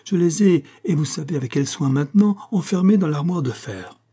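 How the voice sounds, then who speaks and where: A man's voice: on the low side, fairly even intonation, moderate pace, dark tone, slightly rough. A man reading the part of an anxious, loyal male government aide in an audiobook, speaking earnestly. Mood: alarmed.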